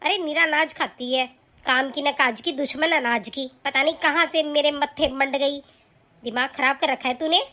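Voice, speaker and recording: A woman's voice: high voice, fairly even intonation, moderate pace, sharp tone. A woman voicing a nagging, scornful middle-aged mother-in-law in a cartoon, scolding and taunting harshly. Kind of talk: cartoon voice acting.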